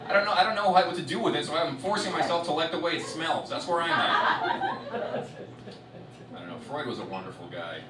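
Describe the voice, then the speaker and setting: A male stand-up comedian on stage, cursing freely and lurching from shouted punchlines to quiet mumbled asides. His voice runs fairly high and moves around a lot in pitch. He is heard from a distance in a big echoing hall, over the loud noise of the crowd. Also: lively intonation, brisk. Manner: profane, swings between loud outbursts and low muttered asides. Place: comedy festival stage in a large venue. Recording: roomy hall, distant mic, loud audience.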